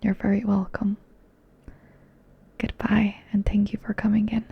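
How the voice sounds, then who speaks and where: Woman as a calm ASMR doctor, slow breathy whisper, flat and even, dull lo-fi sound. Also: mid-range voice, heavily acted. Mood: soothing. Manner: soft unvoiced whisper. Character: gentle woman doctor examining a patient. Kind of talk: ASMR roleplay.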